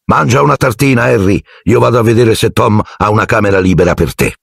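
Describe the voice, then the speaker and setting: A man's voice: fairly low pitch, fast talker, creaky, slightly rough, no room sound, studio quality, voice pushed up. A man voicing a fussy, jovial middle-aged minister who talks to a boy in a genial, patronizing and evasive way.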